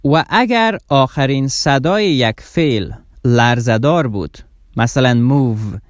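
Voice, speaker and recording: A man with a voice teaching English grammar, saying example words slowly and repeating them. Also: mid-range voice, animated, dry recording, studio quality. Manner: slow, deliberate example words, repeated for emphasis. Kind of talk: explaining grammar rules.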